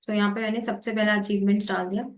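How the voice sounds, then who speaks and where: A woman teaching exam preparation, explaining how to make notes and reading passages aloud slowly in a mix of Hindi and English. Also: medium pitch, flat delivery, roomy sound. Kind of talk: explaining note-making while reading aloud.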